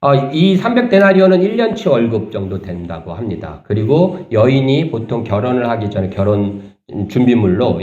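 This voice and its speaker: Man preaching, pastor, lively pitch, mellow voice, roomy church sound, slightly dull recording. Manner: conversational preaching with rhetorical questions to the congregation; animated, rising sharply when voicing indignation. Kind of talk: sermon. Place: church sanctuary.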